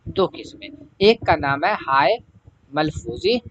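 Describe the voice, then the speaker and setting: A man's voice: on the high side, animated. A male language teacher walking through exam-prep questions, repeating each question to the class and then answering it himself. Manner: fills pauses with "है ना". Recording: dull lo-fi recording with clear background noise.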